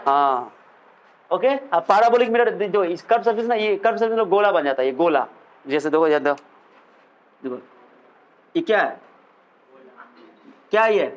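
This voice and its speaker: A man's voice: high voice, animated, a little slow, pauses often, dull audio. A young man teaching a physics lesson, who asks questions and answers them himself, with chatty, jokey asides. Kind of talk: classroom lecture.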